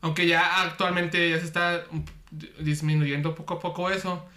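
Bright high-voiced Mexican man. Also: little pitch movement, normal speed. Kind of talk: casual podcast chat. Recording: roomy echo.

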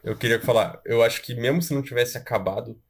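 A man's voice: mid-range voice, fast, husky. A young man with a Brazilian Portuguese accent chatting casually with friends, slangy and self-deprecating. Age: young adult. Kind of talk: casual chat among friends.

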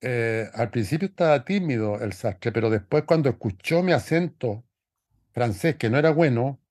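A man's voice: mid-range voice, animated, moderate pace, darkish tone, no echo. Male podcast co-host, mid-range voice, dry close sound, rambling and reflective delivery. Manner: thoughtful, rambling, many restarts. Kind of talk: casual film discussion.

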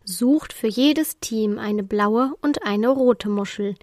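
A woman's voice: a little high, takes it slowly, a little mellow, no echo, clean studio sound. A woman voicing a cheerful female character who organizes a riddle hunt in a children's story, upbeat and encouraging.

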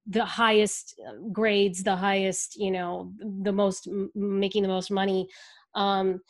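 A woman speaking as an interview guest, earnest and reflective, talking in halting bursts as she thinks things through. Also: mid-range voice, level tone. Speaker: guest speaking about the ad industry. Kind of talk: candid interview conversation.

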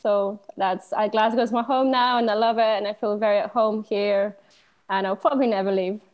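A woman from Slovenia in her thirties, a DJ guest talking in a relaxed, thoughtful way, with many pauses and easy laughs. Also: mid-range voice. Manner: thoughtful, hesitant, laughs easily. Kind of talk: casual interview chat.

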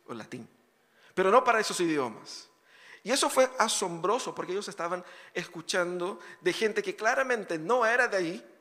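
A male pastor with a fairly high voice preaches in a church hall. He talks conversationally, tossing out rhetorical questions and relaxed asides. The sound carries a long, lingering hall reverb. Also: normal speed. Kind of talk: sermon.

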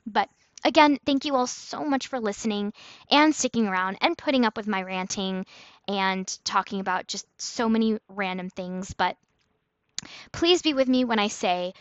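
A woman's voice: medium pitch, dry recording, muffled recording. A woman hosting her own podcast, talking casually in a rambling, chatty way and laughing often. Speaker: podcast host. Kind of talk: casual solo podcast monologue.

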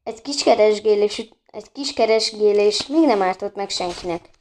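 A woman reading a children's book aloud, voicing the children a little higher and brighter, with occasional slips and restarts. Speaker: storybook reader.

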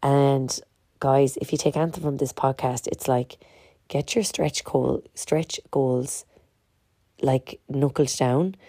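A woman's voice: a bass voice, fairly even intonation, slow, mellow, no room sound, studio quality. A middle-aged Irish woman with a stuffy, congested nose, talking candidly and emphatically in a chatty motivational podcast monologue to her listeners. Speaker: podcast host, fitness community organiser.

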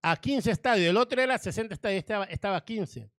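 A man's voice: high voice, expressive, fast talker, a bit bright, no echo, studio quality. A male pastor preaching a sermon, reading scripture verses and asking the congregation rhetorical questions.

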